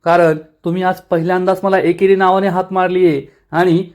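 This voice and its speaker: Guy doing a cheeky young woman from a tv serial, bubbly, teasing, high voice. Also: little pitch movement, brisk, a little mellow, close to an everyday voice. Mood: playful.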